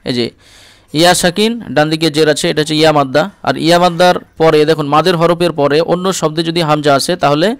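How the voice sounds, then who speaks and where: A man teaching Quran reading step by step, spelling out letters and vowel marks, then chanting the words slowly and checking in often with his learner. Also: a little high, fairly even intonation, clean tone, no echo, clean studio sound. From India. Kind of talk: step-by-step recitation lesson.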